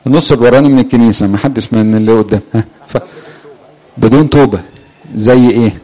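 A man's voice: medium pitch, fast talker, dark tone, low-quality recording. A man with an Egyptian Arabic accent preaching a sermon to young people in a church, often putting questions to the crowd and lifting or dropping his voice for emphasis. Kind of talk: sermon to a live congregation.

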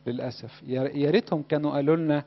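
A man with an Egyptian Arabic accent delivers a sermon at a brisk clip, his voice sitting a little high. He talks in a chatty way and keeps turning questions on his listeners. The recording sounds dull and lo-fi. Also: steady tone. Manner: conversational, asks the audience questions. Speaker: Coptic preacher.

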